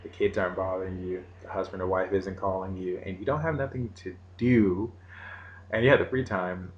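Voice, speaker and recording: A man giving an informal meditation lesson in casual, halting, unscripted phrasing. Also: low-pitched, steady tone, highs cut off. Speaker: meditation teacher. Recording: roomy echo, faint background noise.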